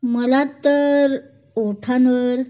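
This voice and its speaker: A woman's voice: sits high, steady tone, very slow, clear, resonant tone. A woman reading a storybook romance, voicing a playful young woman who coaxes and teases her lover. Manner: coaxing, teasing, childlike. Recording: dull lo-fi recording.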